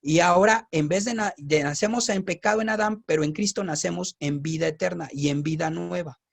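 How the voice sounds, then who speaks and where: A man with a Mexican accent, teaching scripture in a casual, lively style and often asking his listeners rhetorical questions. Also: high voice, brisk, vocal fry. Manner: animated, asks the audience rhetorical questions.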